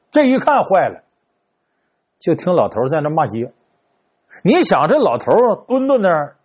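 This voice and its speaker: A male storyteller relates a folk tale with a husky, rather high voice. His pitch leaps and dives dramatically, and he keeps the listener hooked with rhetorical questions.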